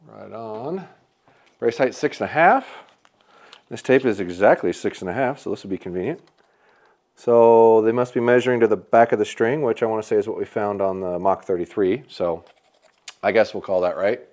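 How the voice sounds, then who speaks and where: A man speaking at a fairly low pitch and normal speed checks a bow at a shop, casually narrating each measurement in hands-on testing fashion. He's upbeat and says he has a loud voice.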